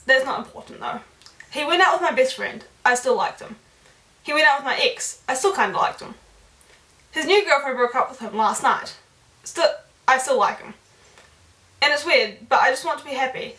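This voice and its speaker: A young woman vlogger who talks fast and giggles, reading out viewer confessions to her camera. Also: high voice, a bit bright. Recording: roomy sound, distant from the mic.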